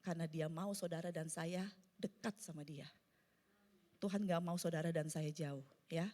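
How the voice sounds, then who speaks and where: Female preacher, conversational sermon style, speaks straight to the congregation and stresses key points slowly. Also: deep voice, fairly even intonation, mellow. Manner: conversational, addresses congregation as "saudara"; emphatic, slows down on key points. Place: church service.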